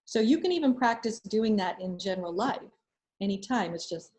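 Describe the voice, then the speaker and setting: A medical school admissions advisor, a woman, answers students' questions in a casual webinar, giving frank, practical advice with fillers and restarts. Her voice is medium-pitched, expressive, and a little mellow, at a normal speed.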